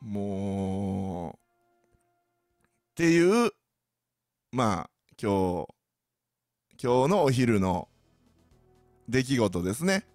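A man's voice: lowish voice, extremely slow, pauses often, no room sound, studio quality, soft background music. A man with a Kansai accent, hosting a podcast and telling joking stories in a casual way. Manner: animated, joking, mimics others' voices. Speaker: podcast host. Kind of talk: casual solo storytelling.

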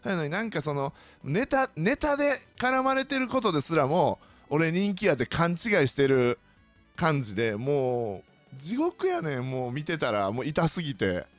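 Soft background music plays under a dry recording with no room sound as a Kansai-accented Japanese host delivers a casual monologue, sardonically ranting and animatedly telling stories to listeners. His voice is on the high side, at a moderate pace.

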